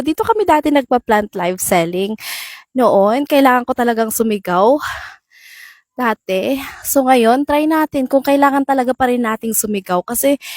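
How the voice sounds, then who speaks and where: A woman's voice: sits high, no echo. A woman hosting a casual product-demo vlog, chatting to her viewers and calling out hellos while she tests a wireless lapel mic at home and outside. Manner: chatty, calls out hellos to viewers, laughs often. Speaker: vlogger reviewing a wireless mic. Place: home and outdoor yard.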